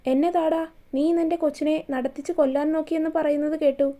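A woman's voice: high-pitched, steady tone, fast, warm tone, lightly acted. A woman voicing a joking, teasing middle-aged father.

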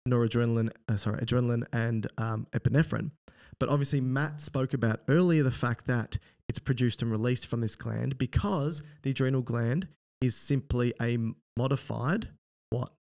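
A man's voice: medium pitch, moderate pace, gravelly, hardly any pauses, a little mellow. An Australian man co-hosting a medical podcast, explaining in a playful, casual way with vivid examples. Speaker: podcast co-host, doctor. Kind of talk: casual educational chat.

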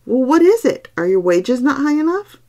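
A woman voicing a young gentleman painter, an earnest husband who questions insistently. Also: sits high, very animated, moderate pace, pitched above the performer's own voice. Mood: pressing. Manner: pressing, questioning delivery.

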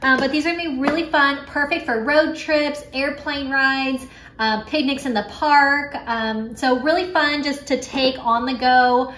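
A mom vlogger in her thirties chats to camera in her echoey home kitchen, her voice high, steady, measured and a bit bright. It's casual, upbeat talk, full of ums and uhs.

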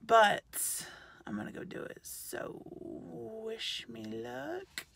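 A woman's voice: a little high, drawn-out words, vocal fry, a bit bright, in a whisper. A tired young woman chatting casually in a parked car, self-mocking and laughing, filmed on a phone held at arm's length. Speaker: vlogger. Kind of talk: casual vlog chat.

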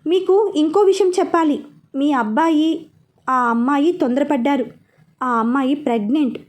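A self-assured young woman who comes straight to the point, as a woman storyteller plays her. The voice is high and clear and the delivery composed. She sounds close to the teller's own voice. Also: normal speed, natural voice. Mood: earnest. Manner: direct, composed. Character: confident young woman, famous dance master.

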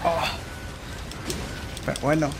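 Excitable gamer, casual let's play chatter, frequent swearing, noisy background hiss. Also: takes it slowly. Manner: excitable, swears often, blurts short English exclamations. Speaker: gameplay commentator.

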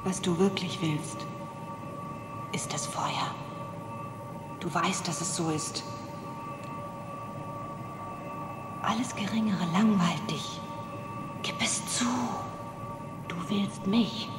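A woman's voice: medium pitch, moderate pace, pauses often, lightly acted. A woman playing a seductive, menacing demonic temptress in a dubbed horror film, scornful, imperious and theatrical. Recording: echoey hall, film music behind.

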